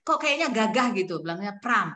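A woman's voice: mid-range voice, lively intonation, fairly quick, bright, forceful tone, roomy sound. A woman, chatting casually as an interviewer.

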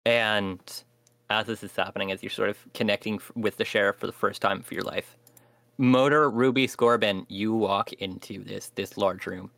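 A man's voice: fairly low pitch, fairly even intonation, moderate pace, creaky, a bit bright, dry recording. A man narrating as game master, hesitant with many fillers.

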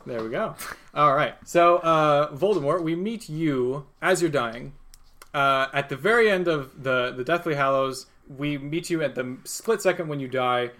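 A man improvising narration as a tabletop game master in an informal, halting, filler-heavy way. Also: mid-range voice, fairly bright tone.

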